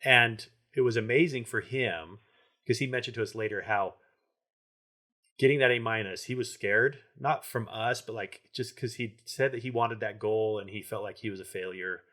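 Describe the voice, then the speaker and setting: A man hosting a podcast, talking in a reflective, measured way with filler words. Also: on the low side, pushed and bright. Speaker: podcast host. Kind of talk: casual podcast conversation.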